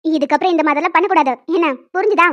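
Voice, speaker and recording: A woman voicing a stern young female professor who lectures and scolds in an animated story. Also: very high-pitched, racing, lo-fi sound.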